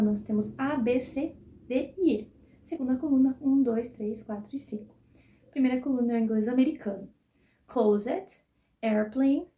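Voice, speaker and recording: Woman from Brazil, English teacher, patient didactic delivery, slightly high mellow voice, roomy echo. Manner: clear, didactic, ends phrases with "tá?". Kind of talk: recorded classroom lesson.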